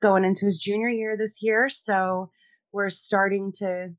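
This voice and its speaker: In a dry recording, a Rhode Island woman in middle age talks as a podcast guest, her mid-range voice level and a little slow. She is a veteran and military spouse, and her friendly interview chat is full of fillers.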